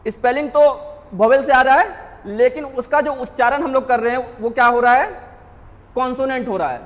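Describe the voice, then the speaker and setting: An English grammar teacher at a coaching class leads an exam-prep lesson in a large hall, speaking fairly quickly in a very high voice. He works step by step, asking rhetorical questions and answering them himself, and frequently checks that students are following.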